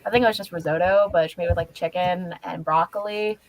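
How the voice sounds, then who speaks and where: A woman's voice: on the low side, steady tone, brisk, background noise. A woman cosplayer answering questions in character on a livestream, rambling with lots of fillers and hesitations. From Australia.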